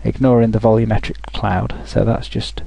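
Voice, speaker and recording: A man talking through a software tutorial over a screen recording, thinking aloud with frequent restarts. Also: fairly low pitch, flat delivery, normal speed, vocal fry, poor audio.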